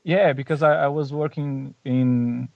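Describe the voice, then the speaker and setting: A Portuguese photographer with a Portuguese accent is a guest on a casual podcast, often searching for words and restarting his sentences haltingly. His voice is mid-range and steady with vocal fry. The sound is distant and phone-quality.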